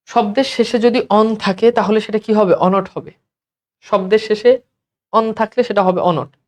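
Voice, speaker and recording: A man's voice: sits high, steady tone, normal speed. A male teacher from Bangladesh giving an exam-prep grammar lesson, asking questions and answering them himself in a repetitive drill.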